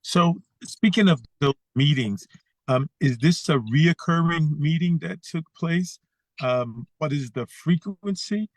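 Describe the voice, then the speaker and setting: A man's voice: a little high, expressive, slow pace, dry recording. A man hosting a discussion who asks long, probing questions. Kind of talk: interview questions.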